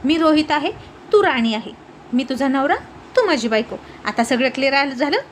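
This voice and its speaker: A woman voicing an exasperated young husband who pleads and explains slowly in a storybook reading. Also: sits high, lively intonation, slight background noise. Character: exasperated young husband coaxing his wife. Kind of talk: storybook narration.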